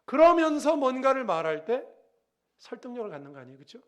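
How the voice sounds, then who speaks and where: A man's voice: very high voice, brisk. A middle-aged man preaching a sermon as pastor, telling stories with acted-out voices and asking the congregation questions. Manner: lively storytelling, acting out quoted voices; asks the congregation questions directly.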